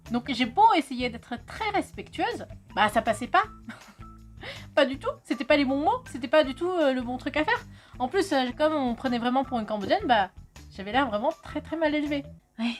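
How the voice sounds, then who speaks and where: High-voiced chatty French-born woman teacher. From France. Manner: chatty, swears, jokes with friend. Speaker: video host teaching Khmer. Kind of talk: casual educational vlog.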